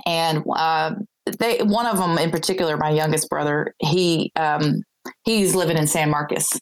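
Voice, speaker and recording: A woman's voice: sits low, moderate pace, low-quality recording. A woman from Texas, a singer-songwriter guest, telling her story in a casual interview, rambling with many restarts and fillers.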